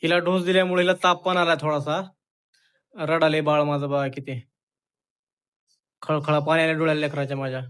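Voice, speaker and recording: A father vlogging at home, talking softly and soothingly to comfort his crying young daughter. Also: on the high side, little pitch movement, moderate pace, long pauses, clear, resonant tone. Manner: soothing, coaxing a crying child. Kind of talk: casual family vlog.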